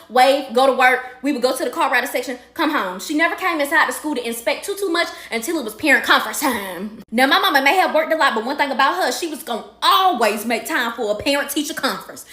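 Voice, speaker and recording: A young woman spins a comedic story in a high, lively voice that swoops up and down. She talks fast and loose, tossing playful slangy asides to her listeners. The room gives a noticeable echo. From Athens, Georgia. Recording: echoey room.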